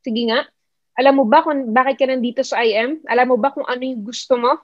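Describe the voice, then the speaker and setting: A fairly high-voiced woman with a Filipino accent coaches an online group, mixing English into her speech. She repeats her key points and keeps asking her listeners questions. Her voice comes through a computer mic, close and dry, with a dull, muffled tone. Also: steady tone, fast, no echo. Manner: repetitive, questioning the audience; mixes English into Tagalog. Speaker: network marketing mentor. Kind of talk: online motivational talk.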